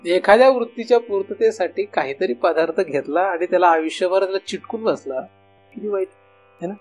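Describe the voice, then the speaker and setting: A man's voice: high-pitched, animated, a little fast, a little mellow, faint music behind. A man with a Marathi accent giving a devotional discourse as a spiritual teacher, talking conversationally and putting rhetorical questions to his listeners. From India.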